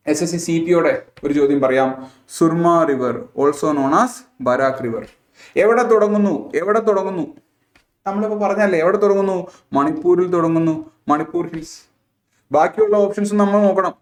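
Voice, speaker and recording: A man with a Malayali accent gives an exam-prep lesson in a somewhat high voice. He keeps asking quiz questions and checking that his listeners follow. The sound is roomy, with a noticeable echo. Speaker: teacher.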